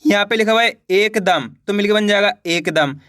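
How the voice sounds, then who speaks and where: A man's voice: high voice, moderate pace, sharp tone, no echo, studio quality. A male teacher running a reading lesson, sounding out syllables one at a time, then saying each whole word and asking listeners to repeat after him.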